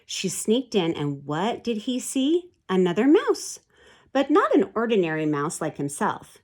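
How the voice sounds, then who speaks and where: A woman reads a children's book aloud in a medium-pitched, darkish voice whose pitch swoops wildly. She takes her time, reading expressively and offering teacherly remarks about the pictures.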